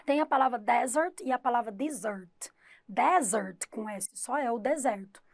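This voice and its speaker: A woman's voice: a little high, moderate pace, darkish tone, no echo, clean studio sound. A woman English teacher, giving an exam-prep class and explaining through rhetorical questions and retold examples.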